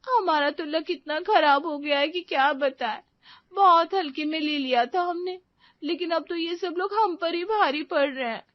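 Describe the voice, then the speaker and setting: A whiny young wife, played by a woman complains in a high, squeaky voice. The audio is dull and lo-fi, dry and close. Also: takes it slowly, pauses often, dry recording. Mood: complaining. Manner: whining, complaining.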